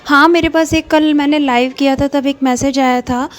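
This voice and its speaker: A woman's voice: sits high, steady tone, moderate pace, faint music behind. A young woman talking casually to her viewers about her study routine as a mother, chatty and full of small hesitations. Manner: chatty, addresses viewers as friends, frequent hesitations. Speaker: vlogger studying for an exam while raising a child.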